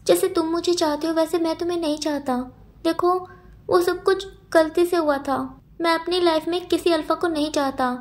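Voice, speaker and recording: A cold, defiant young man in a storybook reading, curt and dismissive, brushing off every plea, as a woman puts him on. His voice comes out high for a man. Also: steady tone, normal speed.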